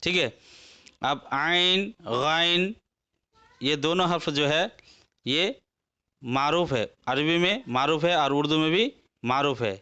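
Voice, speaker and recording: Slow, bright-voiced male teacher. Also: on the high side, clear, resonant tone. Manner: recites letters one by one, explaining patiently. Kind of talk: slow alphabet lesson.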